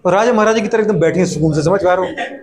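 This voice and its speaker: A man with a high-pitched voice lecturing a chemistry class. He talks in quick bursts, repeats his own catchphrases, throws out questions and teases students who get things wrong. He often answers for them in a mock student voice. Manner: playful scolding, voices students' replies. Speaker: chemistry teacher.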